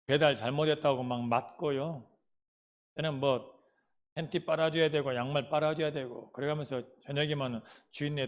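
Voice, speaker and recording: A middle-aged man from Jeolla province, a pastor speaking with a Jeolla dialect, telling his life story in a sermon and checking in with the congregation. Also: fairly high pitch. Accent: Jeolla Korean dialect. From Jeolla province, Korea. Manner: folksy storytelling, asks the congregation questions. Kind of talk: sermon with personal testimony.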